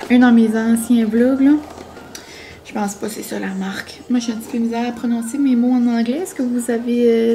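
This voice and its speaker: A woman's voice: on the high side, dark tone, a little hiss or hum. A young woman, chatting casually for her vlog, full of fillers and dropping in English words. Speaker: vlogger. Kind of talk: casual chat.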